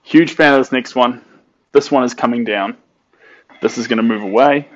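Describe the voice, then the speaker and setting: On a casual painting stream, a man from New Zealand, late twenties, chats happily with viewers and hums or sings bits of songs along the way. He has a mid-range voice at a normal speed, captured with dull audio.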